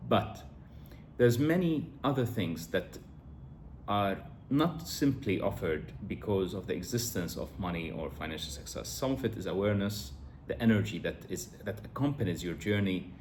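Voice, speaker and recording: A man's voice: low-pitched, lively intonation, normal speed, darkish tone, slight background noise. A middle-aged man from Lebanon talking to camera in a reflective, earnest way, with frequent fillers and restarts. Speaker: vlogger. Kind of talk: casual to-camera monologue.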